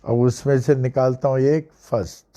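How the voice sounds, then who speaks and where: An older man giving a devotional discourse, telling a story slowly with repeated phrases and bits of English. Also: mid-range voice, fairly even intonation, mellow. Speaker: spiritual teacher.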